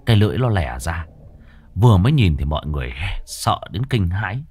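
A man's voice: sits low, sing-song, a little fast, a little mellow, slight background noise. A man telling a ghost story in a dramatic, suspenseful way.

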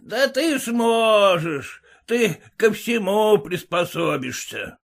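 An actor playing a proud, bitter old army captain, gruff, indignant and scornful. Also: male voice, high-pitched, lively intonation, takes it slowly, heavily acted. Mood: bitter farewell. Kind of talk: audiobook character reading.

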